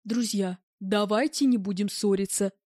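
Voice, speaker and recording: A sweaty, talkative man full of trivia who keeps trying to make peace, as a woman reads him. The voice stays light and high for a man. Close, dry recording. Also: expressive, moderate pace, a little mellow, no room sound. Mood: chatty. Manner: chatty, know-it-all. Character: sweaty, talkative middle-aged man, pedantic and peace-making. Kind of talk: audiobook reading.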